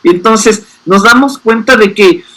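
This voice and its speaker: A man's voice: sits high, measured pace, sharp tone. A man, explaining parenting to an audience and often checking in with rhetorical questions. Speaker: speaker on a parenting panel.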